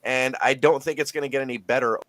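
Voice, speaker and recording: A man's voice: mid-range voice, steady tone, fast, fairly bright tone, dry recording. A man co-hosting a heated political talk show, rambling and swearing, repeating words as he goes. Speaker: co-host. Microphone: call line cutting in and out.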